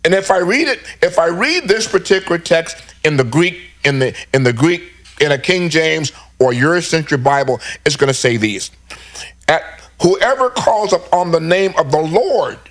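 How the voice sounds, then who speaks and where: A man's voice: high voice, fairly bright tone. A man teaching scripture in an emphatic, repetitive way, reading verses aloud and explaining them. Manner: emphatic, repeats himself while reading verses.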